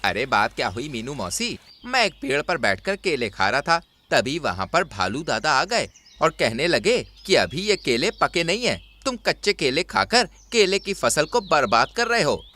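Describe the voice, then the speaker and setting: A man's voice: fairly high pitch, sing-song, normal speed, pushed and bright, full character voice. A man voicing a hot-headed young male monkey who complains indignantly. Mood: aggrieved.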